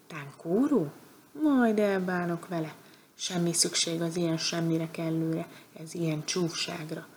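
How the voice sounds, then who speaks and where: A woman's voice: lowish voice, a little mellow, a little hiss or hum, lightly acted. A woman voicing a gloomy, grumbling male bear in a storybook tale, with a sighing, mournful manner. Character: grumpy gloomy male bear, lumbering and sorry.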